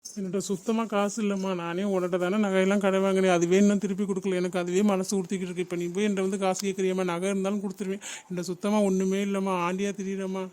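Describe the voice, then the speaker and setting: A man's voice: high-pitched, flat delivery, very fast, darkish tone, lightly acted. A man voicing a stingy brother who makes excuses, in a cartoon drama. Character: stingy adult brother, male, evasive.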